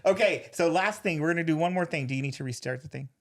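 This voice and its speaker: A man's voice: fairly high pitch, quick pace. A man hosting a casual chat, teasing his guest and laughing a lot. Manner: playful, teasing, giggly. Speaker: host.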